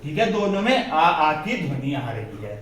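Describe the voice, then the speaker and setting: A man leads a classroom grammar lesson, asking his students questions and repeating each answer back. His voice sits a little high. He is picked up from a distance in a very echoey room. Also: very animated, unhurried, a bit bright. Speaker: teacher. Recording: very echoey room, distant mic, faint noise.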